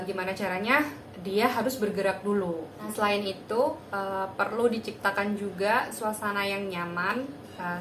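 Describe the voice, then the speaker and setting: A woman's voice: a bit bright, reverberant, slight background noise. A young woman hosting a parenting channel, explaining a home teaching routine in a casual, chatty way with many filler words. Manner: chatty, many fillers, breaks into high sing-song child-directed demos. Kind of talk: casual tutorial talk. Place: home room.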